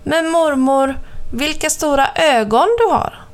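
Storybook little girl, high and friendly, wide-eyed; a woman puts her on. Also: expressive. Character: trusting, polite little girl. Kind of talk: storybook reading.

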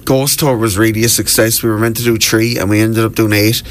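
A man's voice: fairly low pitch, fairly even intonation, a little fast. A man with a Wexford Irish accent chatting as a tour guide in a radio interview, telling things in an enthusiastic, informal way. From Wexford, southeast Ireland. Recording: clearly noisy background.

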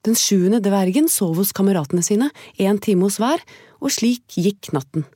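A woman reads a fairy tale aloud in a calm, gentle way at an even pace. Her voice is mellow and sits at a middle pitch. The recording is dry and close. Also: dry recording. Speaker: storyteller.

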